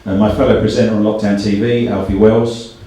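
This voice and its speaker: In a very echoey hall, far from the mic, a middle-aged company director hosting an event delivers a thank-you speech and calls out names. He speaks a little fast in a lowish, warm voice with a flat delivery.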